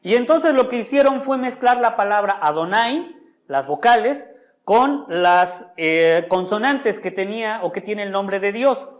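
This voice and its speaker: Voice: mid-range voice, unhurried. Preacher, Sunday sermon in church, teaching tone, questions to the congregation. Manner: teaching, asks the congregation questions, lingers on key words.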